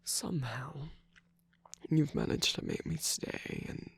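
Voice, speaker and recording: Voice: mid-range voice, slow pace, creaky, husky, heavily acted. A performer voicing a teasing, manipulative male cookie trickster in a whispered ASMR roleplay, with a mocking, prodding manner.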